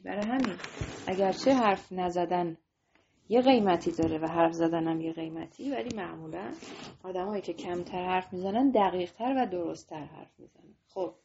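Speaking straight to her young students over a video call, a woman leads a religious lesson and questions them as she goes. Her voice is medium-pitched and darkish, with dull audio and a little background noise.

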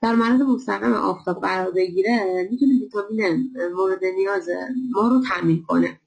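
Gravelly-voiced woman giving a health lecture. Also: mid-range voice, rough recording. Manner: explanatory, many filler pauses. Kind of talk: recorded health lecture with slides.

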